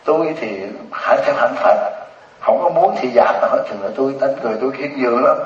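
A man's voice: medium pitch, quick pace. A man, a Buddhist monk giving a humorous dharma talk and teasing his listeners. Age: 70s. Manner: joking, teasing storyteller. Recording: distant, echoey, dull lo-fi hall recording. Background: audience laughter.

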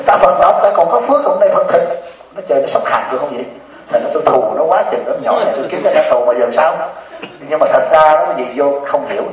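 A man with a Southern Vietnamese accent, a Buddhist monk giving a humorous dharma talk to a congregation as a lively, teasing storyteller. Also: on the high side. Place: hall with a live audience. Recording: roomy dull sound from a distant mic.

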